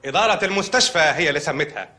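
An actor playing a calm, matter-of-fact hospital doctor in a comic sketch. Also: male voice, on the high side, racing. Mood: deadpan. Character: deadpan male hospital doctor, odd pronouncements. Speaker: doctor character.

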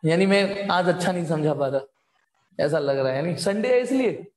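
Brief: very high-voiced male tutor, jokey and pushy, echoey room. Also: expressive, moderate pace. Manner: playful, jokey, coaxing students to answer. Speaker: physics teacher. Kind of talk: live online class lecture.

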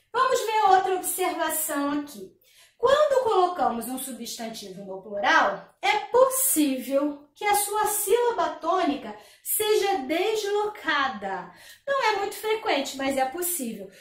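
A woman's voice: sits high, a bit bright, recorded from a distance. A woman teaching a grammar lesson, explaining step by step and asking the class rhetorical questions. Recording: echoey room, voice a bit off-mic.

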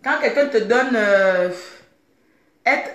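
A woman's voice: on the high side, slow, a bit bright, muffled recording. Sleepy woman chatting in an echoey bedroom. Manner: groggy, chatty, addressing viewers directly. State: just woken up, sleepy. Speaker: vlogger. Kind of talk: casual live video chat. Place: bedroom, indoors. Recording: echoey room.

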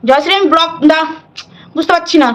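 On a live stream, a middle-aged woman rattles off a defiant scolding at speed in a high voice, hammering each point through constant repetition.

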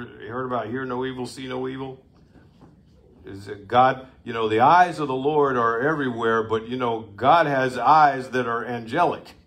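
A middle-aged man teaching a Bible lesson to a group, conversational, with restarts, lively emphasis and laughs. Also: mid-range voice.

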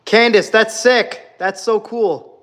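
This young Hungarian livestream host speaks in a high-pitched, steady, fairly bright voice and takes things slowly. He's in a house under renovation with his phone at arm's length, chatting casually, reading viewer comments aloud, and saying "guys" a lot.

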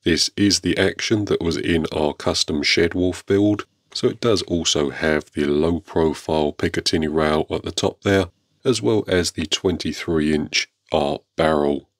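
A man with an exceptionally deep voice narrates a product showcase for his viewers. His delivery is measured, polite and understated. The sound is close and dry, with very little room. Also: no room sound. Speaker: YouTube airgun channel host.

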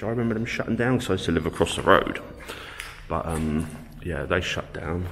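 A low-voiced man narrates his walk through a big empty abandoned building, talking casually and swearing freely. His voice rings with a long echo off the bare walls, and steady background noise hums under it. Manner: chatty, swears casually, talks to his friend while filming. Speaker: urban explorer vlogger. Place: large empty abandoned print works indoors. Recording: echoey warehouse with background noise.

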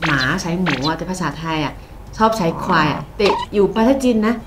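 Calm woman. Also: on the low side, fairly quick, noisy background. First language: Chinese. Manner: calm, explanatory, answers in short words. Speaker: co-host teaching Chinese words. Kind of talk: casual chat.

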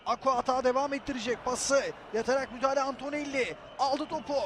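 A man giving live football commentary, excitable and screaming at the big moments. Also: very high voice, quick pace. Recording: loud stadium crowd noise behind voice. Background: roaring football crowd.

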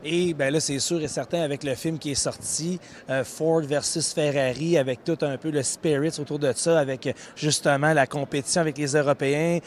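A man in his forties with a Québécois accent, hosting a car show segment with lively energy. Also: fairly high pitch, moderate pace, hardly any pauses, a little hiss or hum. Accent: Québécois French. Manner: energetic, playful. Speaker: host. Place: outdoors in a garden. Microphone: handheld mic.

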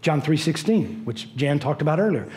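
A middle-aged man preaching a sermon as pastor, animated, pacing a church stage. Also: a little high, moderate pace, slight background noise. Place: church stage in a large dim hall.

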